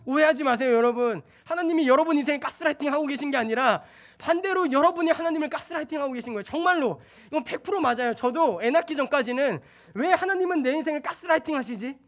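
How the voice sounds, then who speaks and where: Lively young male preacher. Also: extremely high pitch. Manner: lively, acts out dialogue in quoted voices, joking asides. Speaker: junior pastor preaching. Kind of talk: sermon at a Friday night service. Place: church sanctuary.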